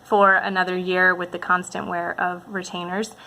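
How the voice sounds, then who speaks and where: A woman's voice: on the low side, level tone, normal speed, gravelly, bright, forceful tone, slight background noise, rough recording. A woman vlogging casually, talking to her viewers in a chatty, explanatory way. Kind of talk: casual update vlog to camera.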